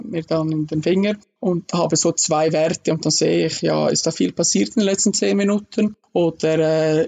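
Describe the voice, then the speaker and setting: A man, a guest in a casual interview, explaining slowly with many fillers. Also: a little high, creaky, darkish tone, slightly rough.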